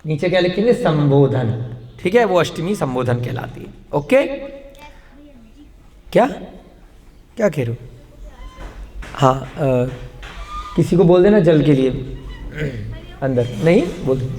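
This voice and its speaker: High-voiced male teacher in a reverberant classroom. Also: lively intonation, measured pace, long pauses, warm tone. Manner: drills students with repeated questions and answers. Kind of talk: classroom lesson with questions to students. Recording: long hall reverb.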